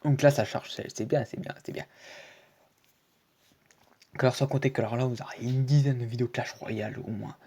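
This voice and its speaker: A man's voice: medium pitch, steady tone, fairly quick, long pauses, mellow, breathy edge. A man hosting his own gaming channel, chatting through a recorded match in casual, rambling commentary full of fillers, restarts and repeated stock phrases. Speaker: video game channel host. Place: home screen recording, voice-over.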